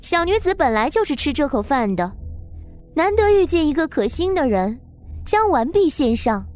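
A woman's voice: high-pitched, expressive, measured pace, darkish tone, no room sound. A woman doing a coy young courtesan. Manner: coy, laughing, self-assured. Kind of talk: storytelling with voiced characters. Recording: faint background music.

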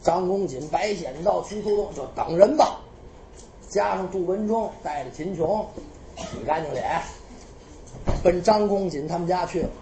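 A woman storyteller with a Beijing accent, narrating a traditional tale in an animated, colloquial way. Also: fairly low pitch, moderate pace, roomy sound, a little hiss or hum.

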